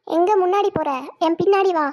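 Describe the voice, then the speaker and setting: A performer voicing an arrogant young boy in a cartoon, giving scornful, domineering orders in a very high voice. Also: fairly even intonation, brisk, a little mellow. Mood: smug. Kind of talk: cartoon voice acting.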